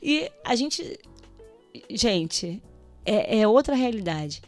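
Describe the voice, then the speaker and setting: Radio guest, female, higher register; lively testimonial storyteller who acts out dialogue, light music bed. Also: slow pace. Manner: animated storytelling, acts out prayers and dialogue, laughs often. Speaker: radio show guest, teacher. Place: radio studio.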